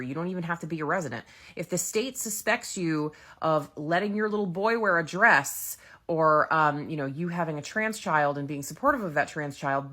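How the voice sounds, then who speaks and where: A woman's voice: low voice, fairly bright tone. An American woman giving informal political commentary as a vlogger, blunt, emphatic and exasperated, her voice slightly muffled through a face mask. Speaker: vlogger, feminist lawyer commentator.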